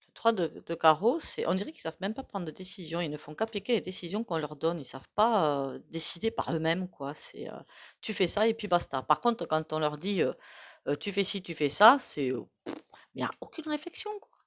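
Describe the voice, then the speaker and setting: A woman with a regional French accent talks through a tarot card reading in a loose, conversational way. Her voice sits a little low, and she hesitates often, wandering off into asides. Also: expressive, a little fast. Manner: rambling, hesitant, many fillers and asides. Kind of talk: casual tarot reading to camera.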